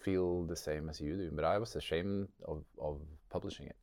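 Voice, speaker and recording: This interview guest, a man from Norway with a Norwegian accent, reflects on his personal experience, pausing hesitantly and repeating words as he looks for the right phrasing. His deep, darkish voice moves at a moderate pace with fairly even intonation, captured as clean studio sound with no echo.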